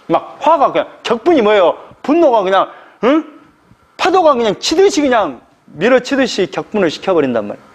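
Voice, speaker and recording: A man preaching an expository sermon as pastor, animated, asking the congregation rhetorical questions. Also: sits high.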